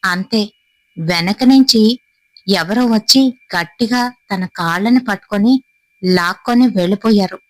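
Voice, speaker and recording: A woman's voice: medium pitch, unhurried, long pauses, dry recording, low-quality recording. Woman narrating a horror story.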